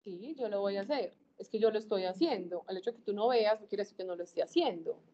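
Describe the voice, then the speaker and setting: Dios tranquilo y paciente, en voz de una mujer. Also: female voice, medium pitch, fast, warm tone, dull audio, slight background noise, close to an everyday voice. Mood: calm. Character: God, calm reassuring male divine voice.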